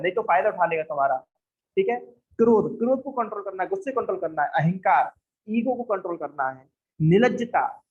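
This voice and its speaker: A young man lectures like a teacher in a fairly high, husky voice, walking through a text and grounding each point in everyday examples. His speech comes through a dull, muffled recording. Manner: explains with everyday examples and acted quotes, frequent "theek hai".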